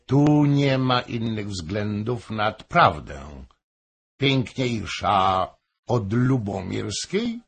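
A man voicing a calm, stern king who speaks in a measured, commanding way. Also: medium pitch, husky, pitched above the performer's own voice, heavily acted. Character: calm stern middle-aged male king.

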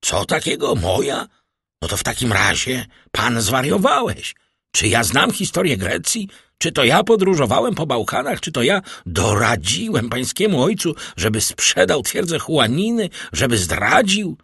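A man's voice: mid-range voice, sing-song, a little slow, vocal fry, fairly bright tone, husky, no echo, studio quality, voice pushed up, exaggerated voice. A male narrator voicing an older banker, frightened and indignant, who talks in a blustering, defensive way.

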